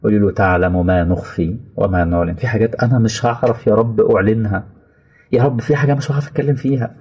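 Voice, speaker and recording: Emotive Egyptian preacher, soft and husky. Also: male voice. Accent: Egyptian Arabic. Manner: emotive, swings between soft slow reflection and high pleading acted quotes. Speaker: Islamic preacher. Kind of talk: colloquial sermon.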